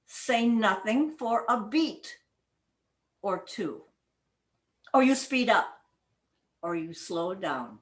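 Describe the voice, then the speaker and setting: A woman presenting a public-speaking lesson at a speaking club, talking deliberately and demonstrating emphasis and pauses. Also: fairly high pitch. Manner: deliberate and demonstrative, varies loudness and pauses for effect. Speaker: Toastmasters education presenter. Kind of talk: instructional talk on public speaking.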